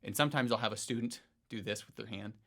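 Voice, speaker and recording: A man teaching a piano lesson, explaining rhythm in a relaxed way and counting beats aloud in a sing-song voice. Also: on the low side, fast, creaky. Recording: faint piano music underneath. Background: piano playing.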